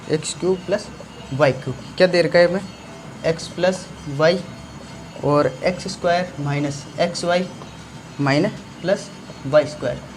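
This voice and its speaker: Teaching a blackboard maths lesson, a man with a fairly high voice breaks down a school algebra problem one step at a time, asking his own questions and then answering them. Slight background noise can be heard.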